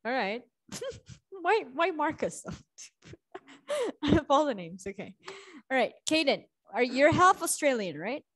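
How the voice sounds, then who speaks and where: A woman's voice: sits high, very animated, unhurried, long pauses, fairly bright tone. A young woman teacher chatting casually with students in an online class over a video call, laughing often between remarks. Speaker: English teacher.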